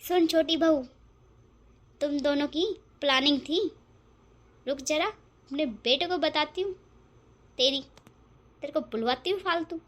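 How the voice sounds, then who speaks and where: A high-voiced, bossy mother-in-law in a cartoon family squabble. She taunts and threatens her daughters-in-law in a scolding, sharp-tongued way. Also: unhurried, pauses often. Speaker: voice actor. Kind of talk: cartoon family drama acting.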